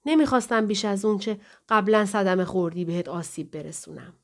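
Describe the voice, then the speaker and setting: A woman's voice: medium pitch, fairly even intonation, close to an everyday voice. A woman voicing a distressed man pleading with his wife in an audiobook, earnest and pleading. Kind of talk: audiobook dialogue reading.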